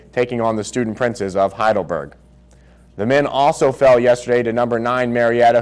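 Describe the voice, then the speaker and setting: A man anchoring a campus news show, reading sports results in a steady scripted way. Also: medium pitch.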